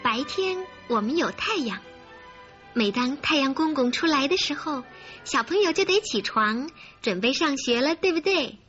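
A woman narrates for young children with a high, bright voice. She is expressive and coaxing, speaking straight to the child as a story host. The recording is slightly muffled. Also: moderate pace. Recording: muffled recording with faint music.

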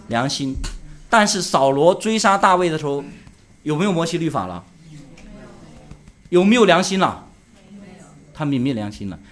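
A man preaching a sermon, asking the congregation rhetorical questions and answering them himself, rising to loud emphasis and dropping low. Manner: swings between loud emphasis and quiet drops. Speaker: pastor.

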